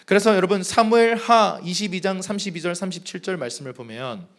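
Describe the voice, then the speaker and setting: A man's voice: high-pitched, brisk, fairly bright tone. A male pastor preaching a sermon to his church, emphatic, and leading the congregation in reading aloud together. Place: church sanctuary.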